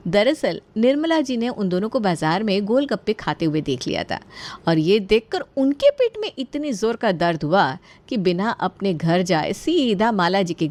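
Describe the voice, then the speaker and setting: A woman narrating a comic bedtime story in a lively, playful way. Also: mid-range voice.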